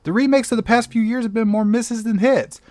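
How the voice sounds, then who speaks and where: A man's voice: very high-pitched, fairly quick, darkish tone, no room sound. A man hosting a comedic film review, exclamatory and sarcastic as he narrates.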